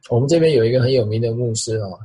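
A middle-aged male pastor giving an animated sermon, repeating phrases for emphasis and imitating the sounds he describes. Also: mid-range voice, very fast, slightly rough, rough recording.

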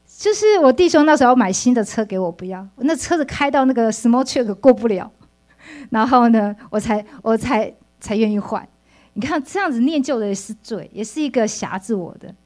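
A woman's voice: fairly high pitch, expressive, normal speed, a little mellow. A middle-aged woman giving an earnest, emotional church testimony, often restarting her sentences. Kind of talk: personal faith testimony.

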